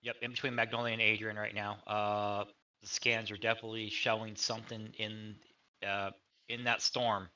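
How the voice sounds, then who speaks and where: A man's voice: fairly low pitch, little pitch movement, normal speed, pushed and bright. A man co-hosting live storm coverage, commenting on radar and giving urgent, clipped directions. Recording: dull, band-limited audio.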